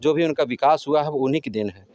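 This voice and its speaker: Man, local reporter, slightly high voice, short prompting questions. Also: fast, darkish tone, dry recording, highs cut off. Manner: prompting questions, brief agreements. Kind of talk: field interview.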